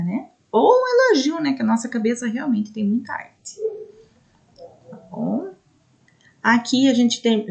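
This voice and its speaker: A woman's voice: mid-range voice, gravelly, a little mellow. A woman teacher with a Brazilian accent, explaining a recorded lesson for adult students and often checking in with "né?". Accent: Brazilian Portuguese. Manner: explanatory, frequent "né?" checks, spells out syllables slowly.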